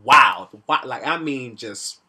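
Animated young man with lively pitch. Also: slow, heavy background noise. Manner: animated, slangy storytelling with shout-outs. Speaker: vlog host and reviewer. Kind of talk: casual party review.

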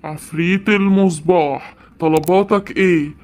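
A performer voicing a calm, servile male genie of the lamp with an Egyptian Arabic accent. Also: mid-range voice, normal speed, slight background noise, lightly acted. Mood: obliging.

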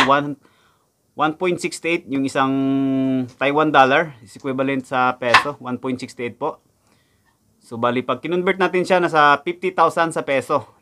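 Background noise accompanies a young Filipino man's mid-range voice as he vlogs indoors in front of a backdrop. A factory worker abroad, he casually explains his wages to viewers and repeats the figures.

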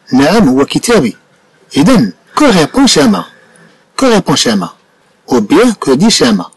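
A man with a Moroccan accent teaching a French lesson, slowly repeating each French sentence and then explaining it in Arabic. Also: fairly high pitch, husky, no echo, low-quality recording.

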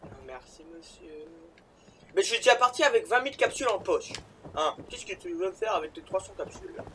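A man's voice: sits high, expressive, brisk, bright, forceful tone. A man commenting casually while playing a video game, chatty, rambling and joking. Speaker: gamer, let's play host.

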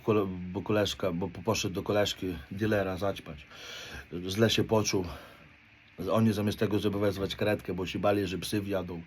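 A low-voiced man in his thirties from Poland, a motivational speaker, delivers a blunt confessional monologue with slight background noise behind him. He talks in street slang, swears constantly, and often closes his points with a questioning "right?".

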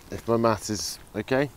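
It's raining in the woods as a man records his bushcraft vlog, cheerful and joking as he talks. His voice is mid-range, clear and resonant, and he speaks a little slowly.

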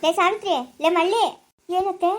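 A woman playing a sharp-tongued grandmother in a village family drama, loud and scolding. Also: very high voice, steady tone, moderate pace. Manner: loud, scolding, calls people names. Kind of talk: amateur village drama acting.

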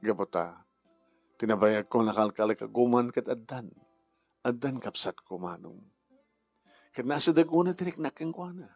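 A man's voice: medium pitch, lively intonation, normal speed, long pauses, darkish tone, husky, no echo, faint music behind. A man speaking heartfelt family drama dialogue.

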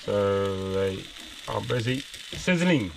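Slow-talking man on a boat. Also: on the low side, vocal fry, background noise. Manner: relaxed, laughing, stop-start. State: tired. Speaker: sailing vlogger. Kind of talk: casual chat to camera. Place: on a sailing catamaran at sea.

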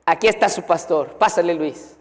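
A man's voice: fairly high pitch, moderate pace, close to an everyday voice. A man voicing a jovial older male church president who proudly announces a new pastor to the congregation. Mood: jovial announcing. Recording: long hall reverb, auditorium.

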